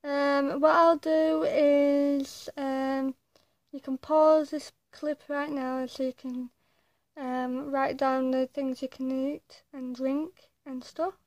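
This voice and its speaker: A young woman with a tongue piercing chatting casually and hesitantly to the camera as a vlogger, pausing often between short phrases. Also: sits high, little pitch movement, a little mellow, dry recording. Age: young adult. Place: small attic bedroom, indoors. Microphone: phone or webcam at arm's length.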